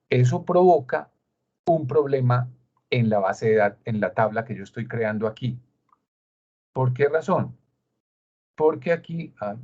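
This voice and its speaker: Colombian guy teaching a spreadsheet class on a video call, middle pitch, kinda dull muffled audio. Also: a little mellow. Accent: Colombian Spanish. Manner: explains step by step with rhetorical questions. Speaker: instructor. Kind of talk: screen-share tutorial.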